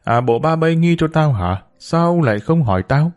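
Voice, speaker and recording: A man's voice: fairly high pitch, expressive, moderate pace, voice pushed up, lightly acted. A man voicing an angry middle-aged mother who scolds her children about her husband's affair. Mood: scolding. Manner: sharp, scolding.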